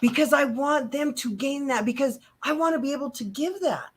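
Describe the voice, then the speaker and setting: A woman hosting a casual interview, talking in an emotional, expressive way and laughing easily. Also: high voice, moderate pace. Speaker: host.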